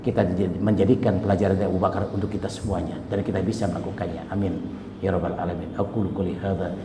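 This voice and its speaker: A middle-aged man preaching a Friday sermon, telling a story and acting out the voices in it, swinging from loud to hushed. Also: low voice, flat delivery, fast talker, a little hiss or hum. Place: mosque. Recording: echoey hall with long reverb, faint ambience.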